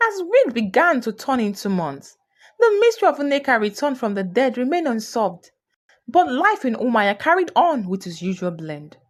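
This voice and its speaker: A woman's voice: a little high, sing-song, normal speed. A woman narrating a folktale expressively and voicing each character herself. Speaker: storyteller. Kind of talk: storybook narration.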